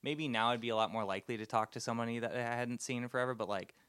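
A man co-hosts a casual podcast in an easygoing way, laughing often and asking the others questions. His voice sits at an ordinary middle pitch. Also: very fast, a bit bright, smooth. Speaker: podcast co-host. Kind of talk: casual chat.

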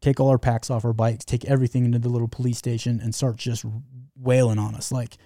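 A man tells a long adventure story in a relaxed, rambling way, full of fillers and restarts. His voice is very dark and mellow at an everyday pitch. The sound is dry and close, with no room echo. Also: quick pace. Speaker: guest telling a travel story. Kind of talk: casual storytelling.

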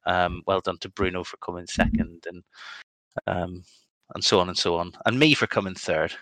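Low-voiced man in dry casual chat. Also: steady tone, normal speed, fairly bright tone, no echo. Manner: rambling, self-deprecating, many ums. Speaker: podcast host.

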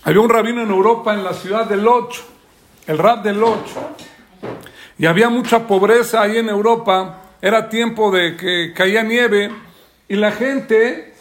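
A man's voice: sits high, unhurried, a little hiss or hum. A man giving a weekly Torah class as a sermon, telling a story and acting out the characters' lines.

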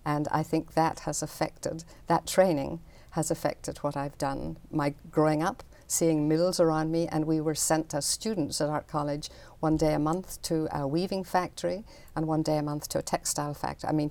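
An older woman from talks through her art in an interview. Her voice sits low and mellow, with a gravelly edge. She explains things in a chatty, unhurried way. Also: level tone. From Northern Ireland. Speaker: artist.

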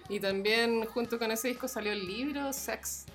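A woman's voice: on the high side, moderate pace, fairly bright tone, faint music behind. A woman with a Chilean accent co-hosting a podcast, chatting casually with lots of slang and frequent laughter. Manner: laughing often, slangy and playful. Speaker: podcast co-host. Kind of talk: casual chat.

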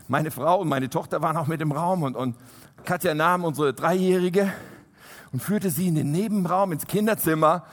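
High-voiced preacher in a reverberant hall. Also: male voice. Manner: animated, shifts between loud emphasis and soft quiet asides. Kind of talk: sermon. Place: church hall.

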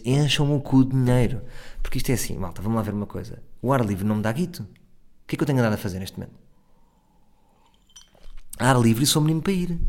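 A man's voice: on the low side, a little mellow. A man in his thirties with a European Portuguese accent, delivering a crude, sardonic and rambling comic monologue as host of his own podcast. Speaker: comedian host.

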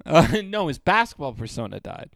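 A young man co-hosting a casual podcast, teasing his friend with dry, quick comebacks. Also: medium pitch, sing-song, gravelly, fairly bright tone, no echo. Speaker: podcast co-host. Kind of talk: casual banter.

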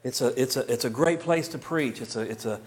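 A man's voice: mid-range voice, fairly quick. Man preaching a story-filled sermon. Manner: conversational, quotes others in lively bursts. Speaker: pastor.

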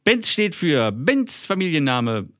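A man's voice: fairly high pitch, big pitch swings, takes it slowly, fairly bright tone, no room sound, studio quality. A man from Germany chatting casually as a podcast co-host, rambling, losing his thread and joking crudely. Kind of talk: casual chat.

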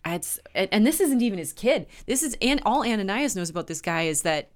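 A woman's voice: medium pitch, expressive, fast. Earnest woman pastor, podcast chat. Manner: earnest, restarts often. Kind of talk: casual podcast discussion.

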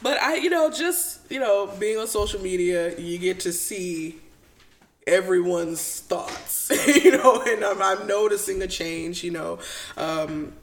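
A woman's voice: mid-range voice, measured pace. A tired woman co-hosting a podcast at home, laid-back and making dry quips. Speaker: podcast co-host. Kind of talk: casual podcast chat. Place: at home, mother nearby.

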